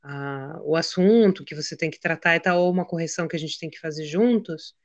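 On a casual podcast, a woman co-host with a low voice talks fairly quickly, her sound lo-fi. She reflects out loud and tells animated stories, quoting things she said to herself.

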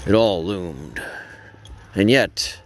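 Male storyteller, low and slow, dry deadpan delivery with long pauses. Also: slight background noise. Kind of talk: wry first-person story narration.

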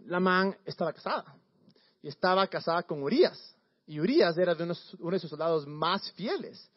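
A man preaching in a casual storytelling way, slangy and animated, often repeating words. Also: sits high, fairly quick, lo-fi sound.

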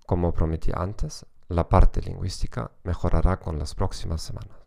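German guy w german accent hosting a podcast, native german, reading a script carefully, really low gravelly voice. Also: fairly even intonation, moderate pace, darkish tone. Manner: non-native, careful spoken delivery. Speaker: podcast host.

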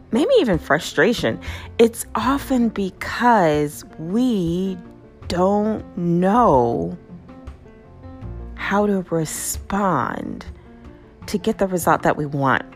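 A woman hosting a casual motivational talk, conversational and lively, often checking in with "right?". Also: lowish voice. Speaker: host.

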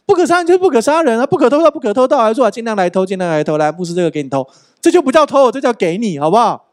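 A male pastor preaching a sermon in an animated, joking way, often asking the listeners rhetorical questions. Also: very high-pitched, racing.

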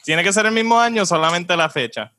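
A man's voice: high voice, animated, brisk, sharp tone, no echo. A man, laughing easily in a casual chat among friends.

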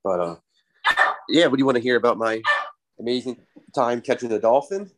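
A man's voice: medium pitch, background noise. Easygoing man telling fishing stories. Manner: easygoing storyteller, joking, halting restarts. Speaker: podcast guest. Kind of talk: casual podcast chat.

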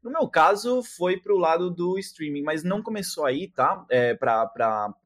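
A man's voice: on the high side, lively intonation, a little slow. Argentine guy, spanish native, 30s, rambling casual chat with fillers and slang. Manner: chatty, lots of slang and repeated fillers. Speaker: interview guest, streamer.

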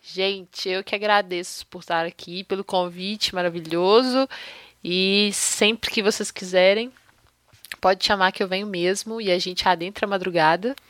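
A woman's voice: mid-range voice, steady tone, moderate pace, fairly bright tone, no room sound. A woman with a Brazilian Portuguese accent, a podcast guest chatting casually and laughing easily.

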